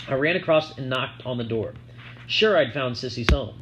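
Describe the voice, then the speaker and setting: A man reads a first-person novel chapter aloud, keeping a steady, plain storytelling pace. His voice sits at an ordinary middle pitch for a man. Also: moderate pace, slight background noise. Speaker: audiobook narrator.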